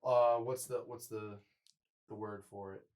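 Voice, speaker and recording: A man's voice: on the low side, fairly even intonation, measured pace, darkish tone, poor audio. A man in his twenties co-hosting a podcast in casual chat, rambling, full of "like" and swearing. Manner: rambling, profane, lots of "like". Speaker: podcast co-host.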